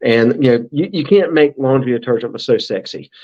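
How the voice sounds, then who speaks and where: A middle-aged brand manager appears as a podcast guest, speaking briskly at medium pitch with a darkish tone and lo-fi sound. His casual, talkative delivery is packed with fillers and restarts.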